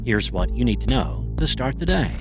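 A man's voice: medium pitch, sing-song, moderate pace, music in the background. A man hosting a podcast, reading scripted financial news. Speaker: podcast host.

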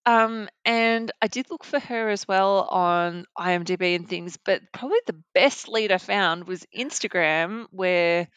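A woman's voice: mid-range voice, a little slow, few pauses, fairly bright tone, clean tone, dry recording. A woman co-hosting a podcast, chatting casually with frequent fillers and restarts. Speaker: podcast co-host. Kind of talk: casual chat.

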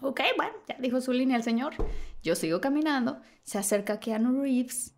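A woman with a Mexican accent tells an anecdote on a talk show with a fairly high voice. She acts out quoted lines and laughs as she goes. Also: normal speed. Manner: lively storyteller who acts out quotes and laughs often. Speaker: guest. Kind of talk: animated anecdote telling.

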